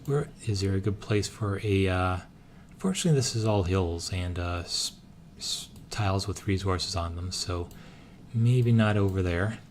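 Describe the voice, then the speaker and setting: A let's-play gamer with a hoarse, somewhat low voice gives casual commentary on his moves in a strategy game. He thinks aloud in an easygoing way, often pausing on filler sounds, over a steady hiss of background noise.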